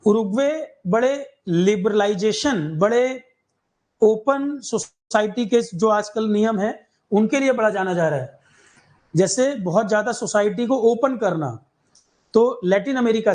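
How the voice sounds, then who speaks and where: High-voiced Indian man teaching exam prep. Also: normal speed, a little mellow, rough recording. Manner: repetitive, drills key facts, asks "clear?". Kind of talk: current affairs lecture.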